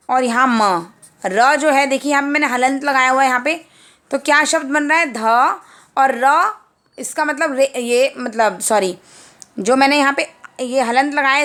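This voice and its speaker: A high-voiced woman teaches grammar to young children at a slow, unhurried pace. She explains patiently and says each example word again and again, drawing the sounds out so they can be heard clearly. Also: bright, forceful tone. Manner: patient, repeats words slowly for children. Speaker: Hindi teacher.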